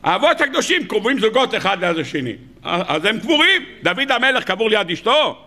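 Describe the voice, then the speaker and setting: A rabbi delivering a lively sermon in a high voice. His tone is bright and sharp as he fires off rhetorical questions and feigns disbelief. He adds humorous asides to keep the audience engaged. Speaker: rabbi giving weekly Torah sermon. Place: lecture hall with live audience.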